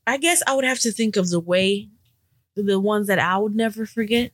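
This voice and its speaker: A woman's voice: medium pitch, moderate pace, no room sound, studio quality. A woman co-hosting a podcast in casual chat, playful and teasing. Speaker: podcast co-host.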